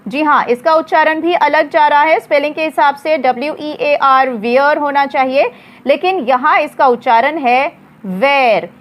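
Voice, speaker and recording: Slow, high-voiced woman teaching. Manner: spells words letter by letter and repeats them. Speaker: English teacher. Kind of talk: slow explanatory lesson.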